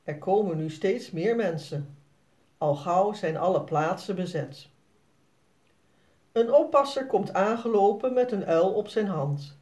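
A children's storybook narrator who reads slowly and clearly. The delivery is expressive, with a lively, melodic rise and fall. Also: mid-range voice. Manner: slow, expressive reading for children. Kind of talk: storybook read-aloud.

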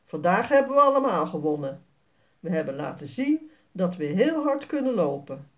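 A woman's voice: lowish voice, very animated, normal speed, muffled recording. A woman voicing a patient, friendly mother in a children's storybook reading, cheerful and coaxing.

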